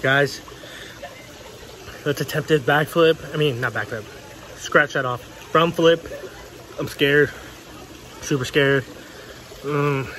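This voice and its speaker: A man's voice: a little high, slow, long pauses, a little hiss or hum. A young man talking casually to the camera in a vlog, outdoors by a backyard pool, chatty and jokey. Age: young adult. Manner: chatty, jokey, yells out loud now and then. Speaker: vlogger.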